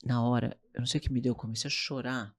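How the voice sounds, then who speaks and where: Brazilian woman, middle-aged, quick gravelly voice, tells stories in an interview and acts out the quotes. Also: a bass voice. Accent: Brazilian Portuguese. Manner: animated storyteller, acts out quoted dialogue. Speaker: guest entrepreneur. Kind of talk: storytelling in an interview.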